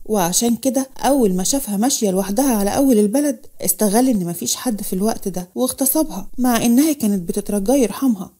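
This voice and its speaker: A woman with an Egyptian accent narrating a dramatic story in a brisk way. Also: fairly high pitch, warm tone.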